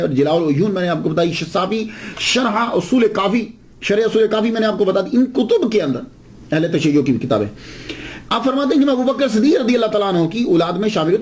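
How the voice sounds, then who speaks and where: Male preacher, religious lecture, slightly high voice, very animated pitch, rhetorical questions. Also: slight background noise. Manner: explanatory, asks and answers his own rhetorical questions. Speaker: Islamic preacher.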